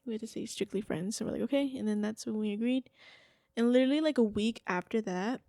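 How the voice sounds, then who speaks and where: A woman's voice: on the high side, quick pace, dry recording, clean studio sound. A woman in her twenties, a podcast guest telling a story in casual chat, acting out the quotes and saying "like" a lot. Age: 20s. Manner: animated, acts out quotes, heavy use of "like".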